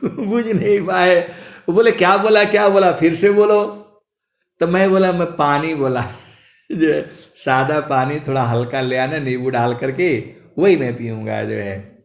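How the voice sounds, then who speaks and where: Preacher, male, late 50s: unhurried, chuckling storyteller who sings out couplets; reverberant room. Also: fairly high pitch. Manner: drawn-out sung recitation of couplets between anecdotes; chuckles while telling stories. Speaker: spiritual preacher. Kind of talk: storytelling sermon with chanted verses. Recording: echoey room.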